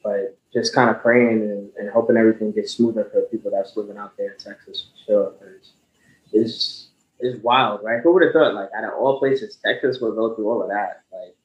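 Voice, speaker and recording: A man's voice: fairly low pitch, fairly even intonation, moderate pace, dull audio. Slangy young man, echoey room. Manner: loose and slangy, repeats words. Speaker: podcast co-host. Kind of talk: casual chat.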